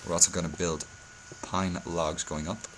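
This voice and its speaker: A man's voice: low-pitched, little pitch movement, moderate pace, background noise. A hungover man giving a casual game-building tutorial, speaking hesitantly and often correcting himself. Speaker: video tutorial host.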